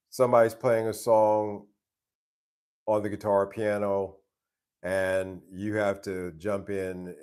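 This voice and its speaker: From his home base abroad, a man with a very low voice hosts a casual live stream, answering viewer questions in a relaxed, rambling way full of restarts. His voice is smooth and a little mellow.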